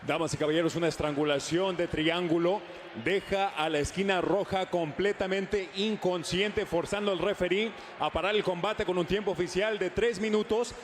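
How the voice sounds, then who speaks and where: A man working as a bilingual fight ring announcer, with a grand, drawn-out lucha libre-style delivery in a live arena. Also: sits high, steady tone. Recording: noisy live arena sound.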